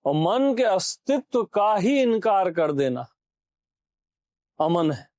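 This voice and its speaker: Leading a satsang discourse, a high-pitched man speaks in a mellow, unhurried voice yet stays very animated. Like a spiritual teacher addressing a gathering, he asks questions, repeats key lines, and urges listeners to answer. The studio sound is clean, with no room sound.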